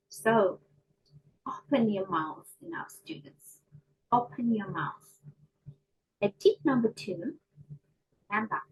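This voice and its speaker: A woman teaching English pronunciation to a class, slow and deliberate, often checking in with her students. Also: on the high side, breathy edge, poor audio. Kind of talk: online micro lesson.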